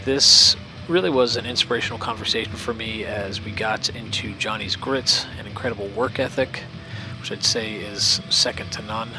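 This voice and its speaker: A man's voice: on the low side, fairly even intonation, moderate pace. A man hosting a podcast, reading an upbeat scripted introduction over music. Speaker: podcast host.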